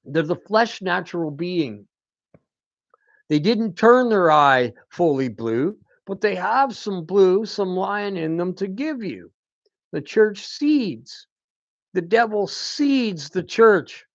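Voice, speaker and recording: Gravelly slow-talking man preaching. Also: sits high, expressive, dry recording. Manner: rambling, repeated prompts of "hmm?". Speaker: channel host, self-styled teacher. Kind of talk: rambling spiritual monologue. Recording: dull lo-fi dry recording.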